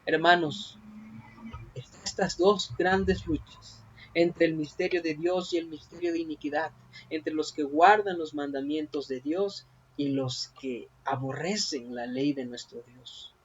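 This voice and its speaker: A man's voice: fairly high pitch, a little slow, slightly rough. A man preaching a sermon on prophecy, asking his listeners many questions and calling them brothers. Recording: dull lo-fi recording.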